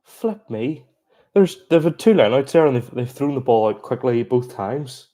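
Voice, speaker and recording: A man giving chatty, excitable live reaction commentary on a rugby match, breaking into exclamations. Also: mid-range voice, moderate pace. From Ireland. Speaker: sports reaction streamer.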